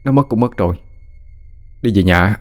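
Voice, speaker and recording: A man's voice: on the low side, normal speed, soft background music, close to an everyday voice. A man voicing an anxious young man grieving a drowned friend, in a shaky, pleading voice. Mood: distressed.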